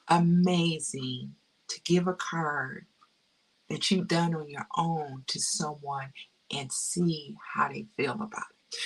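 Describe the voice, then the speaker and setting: Heartfelt woman crafting streamer, breathy, repeats herself, sometimes whispers, recorded from a distance. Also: sits low, fairly bright tone. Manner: effusive and heartfelt, repeats phrases, drops to a whisper at times. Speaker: crafting livestream host. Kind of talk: casual live-stream chat.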